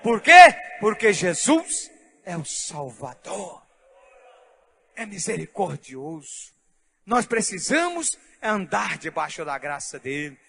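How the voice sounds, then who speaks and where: Pastor guy preaching hard, shouts and half sings lines, piercing bright voice, echoey church. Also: fairly high pitch, sing-song, slow, gravelly. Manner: fervent preaching, shouted and half-sung phrases. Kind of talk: preaching sermon.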